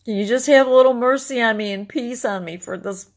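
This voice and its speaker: In her rambling video diary, an older vlogger speaks candidly and fairly quickly despite being tired and underslept. Her voice has a deep, gravelly, smoker-like morning roughness.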